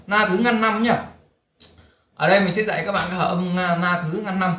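Man, guitar teacher, high voice, chatty, echoey room, loud guitar. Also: fairly even intonation, a little fast, a little hiss or hum. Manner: chatty, explains chords while singing hymn lines. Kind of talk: casual guitar lesson, talking and singing. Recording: roomy sound with loud guitar. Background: loud guitar playing.

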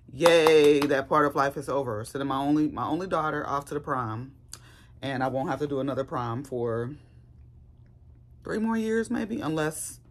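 A woman in her forties, hoarse and scratchy-voiced, rambling casually through a haul vlog. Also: a bass voice. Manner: chatty and rambling. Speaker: YouTuber.

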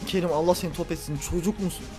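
A man giving let's play commentary on a football video game, ranting at the referee and swinging between loud outbursts and low grumbling. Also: fairly even intonation, racing. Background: faint background music.

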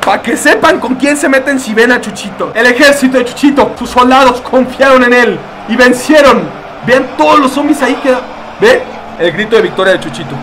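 A Mexican man narrates a game battle in a high, bright-sounding voice, cracking jokes and bursting into exclamations. His commentary is playful and excitable throughout. A faint background noise sits under the recording. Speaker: gaming YouTuber.

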